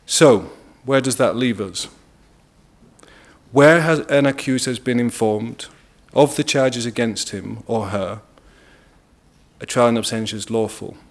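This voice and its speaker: A man with a British accent giving a formal legal presentation, measured and deliberate, stressing key words. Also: mid-range voice. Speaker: international lawyer speaking at a press briefing.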